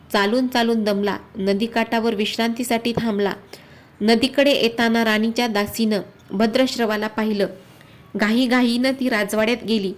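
Woman reciting a devotional folk tale. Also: fairly high pitch. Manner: steady, recited rhythm. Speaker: storyteller.

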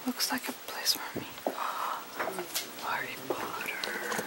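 A young woman vlogging casually while she shops and walks through a city, excitedly gushing over what she finds, recorded on a handheld camera. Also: medium pitch, extremely slow, in a whisper, low-quality recording. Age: young adult. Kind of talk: casual vlog narration. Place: shops and streets of a city, indoors and out. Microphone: handheld camera mic.

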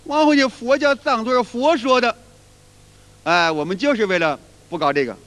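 A man's voice: extremely high pitch, normal speed, a bit bright. A man. His talk is folksy and repetitive, and he breaks into sung demonstrations. The sound carries a long reverb, as if recorded in a hall. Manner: folksy, repeats himself, demonstrates chants aloud. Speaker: qigong teacher. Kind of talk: colloquial spoken lecture.

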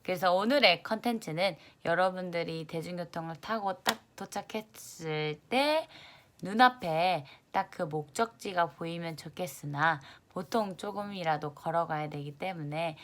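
A young woman teaching English in an online lesson, lively, stressing the English words loudly and acting out her students' reactions. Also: low-pitched, unhurried.

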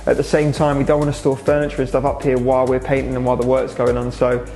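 Fast and completely flat, with a medium pitch and a mellow quality, a young English restaurant owner updates his vlog on the renovation. He addresses a camera in a large indoor space, casual and matter-of-fact, repeatedly saying "so" and "obviously," with faint music behind him.

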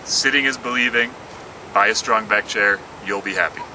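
A man, the inventor, presenting and demonstrating his product in an earnest pitch, talking through each movement. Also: moderate pace, pushed and bright. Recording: slightly distant mic, faint outdoor noise.

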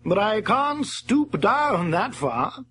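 A man's voice: high voice, sing-song, takes it slowly, a bit bright, slight background noise, voice pushed up, full character voice. A man voicing a tall, lazy male giraffe in a read-aloud animal story, drawing out his words. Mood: whiny.

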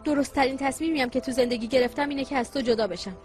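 A woman voices a young wife who distrusts her husband, cutting and sarcastic. Her voice sits high. Soft music plays underneath. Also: natural voice. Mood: scornful. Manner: sharp, sarcastic, accusing. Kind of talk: Persian dub of a Turkish drama.

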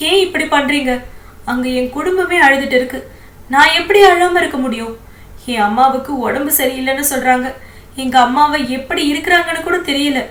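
A woman's voice: sits high, brisk, a bit bright, reverberant, far from the mic, voice pushed up. Woman voicing a tearful pleading young captive. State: crying. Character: distraught young woman held captive, pregnant.

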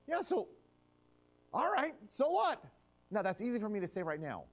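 A male revival preacher delivering a sermon in a church. His voice sits high and swings widely, sinking to near hushes before climbing back up with force. The delivery is animated and emphatic. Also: moderate pace. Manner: animated, drops to a hush and surges up for emphasis. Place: church sanctuary.

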